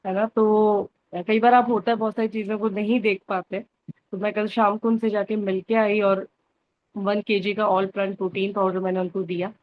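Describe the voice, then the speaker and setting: A woman tells a group about her recent experience in a plain, conversational way. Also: mid-range voice. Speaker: team member sharing an experience. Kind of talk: sharing at a group meeting. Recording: dull lo-fi audio.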